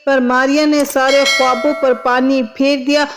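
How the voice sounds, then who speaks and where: Slow, high-voiced woman storyteller. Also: level tone, background noise. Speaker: narrator. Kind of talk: storybook narration.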